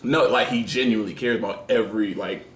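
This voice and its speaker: A young man, a guest musician, answering interview questions in a relaxed, casual way and filling his talk with "like" and "um". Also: brisk. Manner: relaxed, lots of "like" and "um" fillers. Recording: roomy echo with faint rumble.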